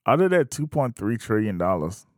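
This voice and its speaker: A man in his thirties talking casually to camera, thinking aloud with frequent pauses. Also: on the low side, very animated, no echo, studio quality. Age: 30s. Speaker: vlogger. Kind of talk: casual opinion monologue.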